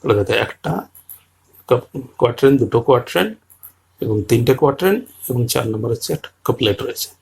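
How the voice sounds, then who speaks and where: A man teaching a poem in detail, patiently explaining its structure and slowly reading quoted lines aloud. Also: medium pitch, animated, creaky, darkish tone, husky. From Bengal region.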